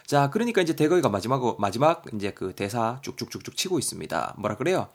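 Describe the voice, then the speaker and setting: A man teaching English vocabulary on a podcast, chatty and lively, spelling words out letter by letter. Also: medium pitch, fast talker.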